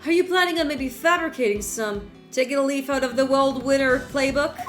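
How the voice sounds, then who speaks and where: Woman doing a smug villain man, mocking, loud, game music behind. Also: high voice, brisk, natural voice. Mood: sneering. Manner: mocking, gloating, sneering. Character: smug scheming male villain, taunting and gloating.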